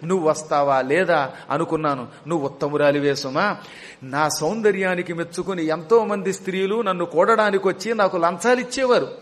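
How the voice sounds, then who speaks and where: Man doing a vain lustful commander, fawning, boastful, drawn-out, fairly high voice. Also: close to an everyday voice. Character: vain lustful male commander Keechaka, infatuated. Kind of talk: storyteller acting a character.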